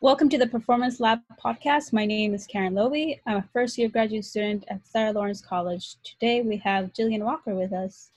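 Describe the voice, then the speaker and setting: A woman's voice: medium pitch, fairly quick, few pauses, no echo. A woman from Colombia, a graduate student hosting a podcast interview, speaking in a chatty, candid way. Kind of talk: casual interview conversation.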